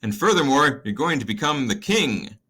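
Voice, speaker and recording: A man's voice: mid-range voice, very animated, normal speed, sharp tone, breathy edge, voice pushed up, exaggerated voice. A man doing a sly offhand witch. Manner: casual, offhand.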